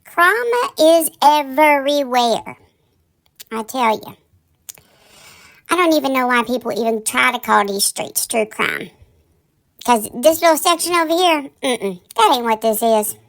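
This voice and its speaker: This online drama commentary host speaks on the high side at normal speed, with a creaky, fairly bright voice. She gossips casually in a sassy, campy, theatrical drag-queen manner, folksy and colloquial, addressing listeners as darlings.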